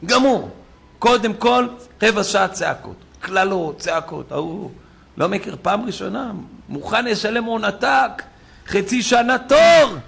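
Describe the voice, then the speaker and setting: A man preaching a sermon, fiery, swinging between shouted emphasis and quiet storytelling. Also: high-pitched, lively intonation, gravelly, slightly rough.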